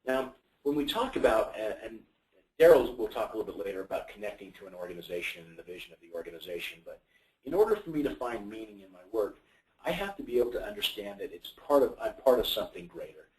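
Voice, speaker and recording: A man's voice: fairly low pitch, lively intonation, fast talker, noisy background. A man giving a conversational conference presentation to an audience. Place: presentation hall. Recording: roomy, from far off.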